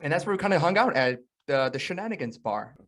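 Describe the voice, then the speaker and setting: A man with an American accent who co-hosts a casual podcast and tells stories in a relaxed way. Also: fairly high pitch, quick pace. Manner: relaxed storytelling with fillers. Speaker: podcast co-host.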